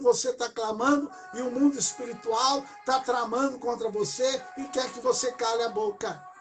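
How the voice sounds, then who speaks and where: High-voiced fervent male preacher. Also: rough recording. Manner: fervent, repetitive exhortation with sudden loud bursts; bursts into tongues. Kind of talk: sermon at a prayer service.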